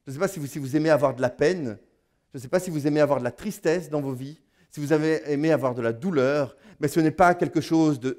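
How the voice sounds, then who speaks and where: A man's voice: on the high side, a little mellow. A man in his thirties preaching a sermon in church, building emphasis with repeated words and restarts. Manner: repetitive restarts, rising emphatic delivery. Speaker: pastor.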